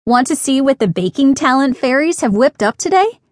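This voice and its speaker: Woman voicing an impish fairy, playful, encouraging, lightly raised voice, unhurried, dry close sound. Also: high voice, expressive, no echo, voice pushed up. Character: friendly, impish female fairy who talks to animals.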